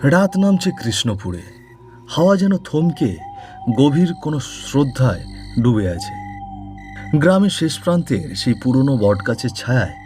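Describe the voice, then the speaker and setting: A man's voice: medium pitch, darkish tone. A man narrating a village folk story for a cartoon in a descriptive, atmospheric storytelling manner.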